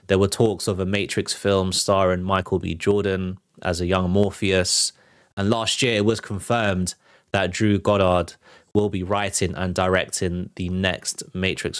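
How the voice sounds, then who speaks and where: A man with a low, clear, resonant voice hosts a live entertainment news show, keeping the commentary casual and talking right to his audience in a conversational way. The sound is clean studio audio with no room sound.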